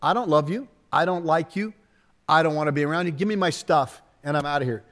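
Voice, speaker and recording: A man acting out a rebellious young son who coldly rejects his father, quieter and lower than his own voice. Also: fairly quick, natural voice. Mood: cold defiance.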